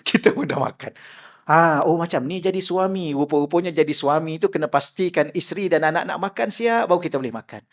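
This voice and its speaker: A man's voice: a little high, brisk. An older man with a Malaysian accent, giving a mosque lecture as a religious teacher, telling jovial stories and acting out the voices he quotes. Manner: jovial storytelling, acts out quoted voices, laughs often.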